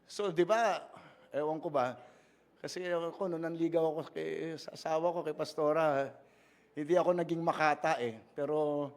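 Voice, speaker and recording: A man's voice: a little high, fairly even intonation, moderate pace. A man with a Filipino accent, a pastor giving a playful, conversational sermon and often checking in with the congregation. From Philippines. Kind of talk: conversational sermon mixing Tagalog and English.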